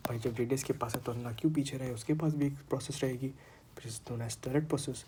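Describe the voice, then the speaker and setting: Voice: medium pitch, fairly even intonation, fairly quick, background noise. An anatomy tutor with a sore throat, giving a casual online lecture in a chatty way and repeating terms for students.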